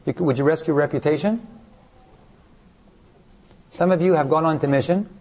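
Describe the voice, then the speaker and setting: Here a man gives a sermon in a voice on the high side, darkish in tone and moderately paced. Rhetorical questions to the congregation come again and again, and he briefly voices the people in his stories.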